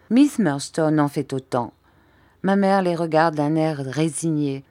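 A woman reading a classic novel aloud as an audiobook narrator, measured and expressive. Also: low voice, no room sound.

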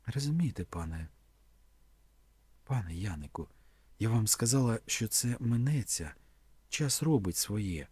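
A man's voice: on the low side, expressive, measured pace, pauses often, a little mellow, slightly rough, no room sound. A man reading a teasing, flirtatious woman. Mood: soothing. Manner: coy, teasing, sometimes whispered.

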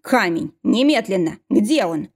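A woman reading the part of an angry, domineering prince and husband, slow and stern in her demands. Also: mid-range voice, lively intonation, a little mellow, husky.

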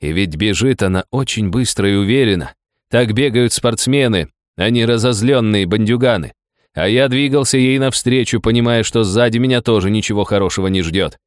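A man reads a first-person audiobook story in a low voice. His delivery is steady and even. The recording is dry and close, with no room sound. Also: normal speed, dry recording. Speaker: audiobook narrator. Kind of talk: scripted first-person narration.

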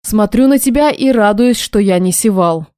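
A woman's voice: mid-range voice, lively intonation, moderate pace, dark tone, no echo, clean studio sound, close to an everyday voice. Woman reading as a smirking male guard. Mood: mocking. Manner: smirking, offhand. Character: mocking indifferent male guard.

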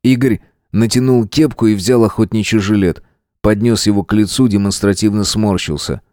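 A man narrating an audiobook in a steady, measured reading. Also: lowish voice, no echo, studio quality. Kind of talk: scripted narration.

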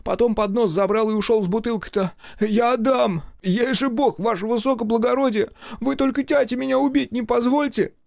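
A man's voice: very high-pitched, fairly even intonation, a little fast, vocal fry, few pauses, darkish tone, no echo, clean studio sound, pitched above the performer's own voice. A man voicing a frightened young male waiter who whines and pleads in folksy speech, in an audiobook. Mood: pleading.

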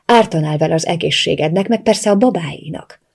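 A woman's voice: on the low side, gravelly, darkish tone, husky. A woman reading the lines of a controlling, violent ex-lover in an audiobook, in a commanding, threatening manner. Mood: menacing.

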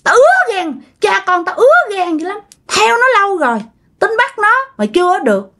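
A taunting ghost of a dead older man, bitter and jealous, as a woman storyteller puts him on. The voice is pushed high above her own and rises and falls widely. It comes out loud and menacing, like a spirit shouting through the living. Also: very animated, normal speed, full character voice.

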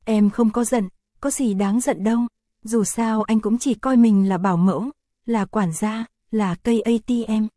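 A woman voicing an affectionate, pouty young man in an audio story, read in a soft, even voice. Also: medium pitch, normal speed, no echo, clean studio sound, lightly acted. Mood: earnest.

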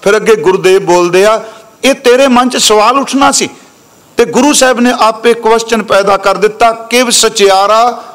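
High-voiced Punjabi preacher chanting verses. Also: male voice, fairly bright tone. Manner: slows to a drawn-out chant when reciting verses, then explains briskly; addresses listeners respectfully, correcting pronunciation. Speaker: Sikh preacher giving scripture exposition. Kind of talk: sermon with chanted scripture recitation.

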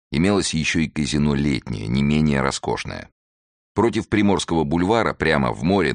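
Very deep, gravelly male audiobook narrator. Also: no room sound, clean studio sound. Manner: measured, even storytelling.

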